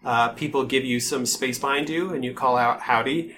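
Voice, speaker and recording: Male game master, bright-edged voice, improvised narration in halting fragments, noticeable background noise. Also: medium pitch, fairly even intonation. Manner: halting, pieces scenes together in short phrases.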